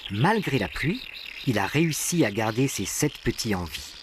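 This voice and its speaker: A man's voice: mid-range voice, very animated, moderate pace, background noise. A man reading scripted narration for a nature documentary. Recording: animal and bird sounds behind. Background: birdsong and natural ambience.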